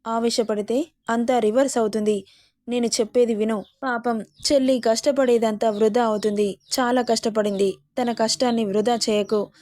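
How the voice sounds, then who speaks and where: A woman voicing a young man who pleads with a friend to stay calm, in a storybook. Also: on the high side, normal speed, no room sound, clean studio sound, lightly acted. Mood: pleading. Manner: pleading, soothing.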